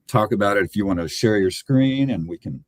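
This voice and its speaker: A man, a web designer, explaining his work on a video call in a relaxed, hesitant way with many fillers. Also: lowish voice, fairly quick, dry recording.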